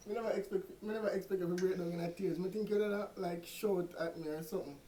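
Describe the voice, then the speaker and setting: Mellow-voiced Jamaican young man. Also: high voice, steady tone, fast talker. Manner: pleading, coaxing. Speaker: prank vlogger. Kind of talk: casual phone call. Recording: roomy echo.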